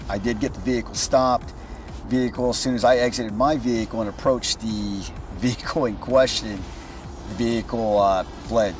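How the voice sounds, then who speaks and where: A middle-aged policeman recounts an incident in formal, halting police language. He is outdoors, a little away from the mic, with music clearly behind him. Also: medium pitch, distant mic. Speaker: police officer. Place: outdoors at night by a patrol car.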